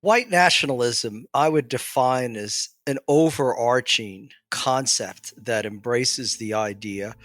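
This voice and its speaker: A man's voice: medium pitch, slow pace, hardly any pauses, a bit bright, no room sound, clean studio sound. A man answering as an expert guest in an articulate, emphatic way. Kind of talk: interview answers.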